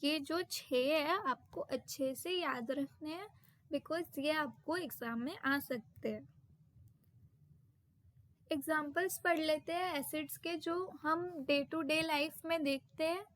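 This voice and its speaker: A woman explaining a science textbook lesson, and she reads the English terms out slowly, one by one. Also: high-pitched, fairly bright tone. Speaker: teacher.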